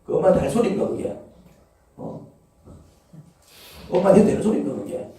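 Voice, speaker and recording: A man preaches a sermon in a church sanctuary, firing rhetorical questions at his congregation. His voice is fairly high and very animated, with a dark, mellow tone. The sound is drenched in church echo and picked up from far away. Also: brisk, slight background noise. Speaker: pastor. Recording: echoey church hall, from far off.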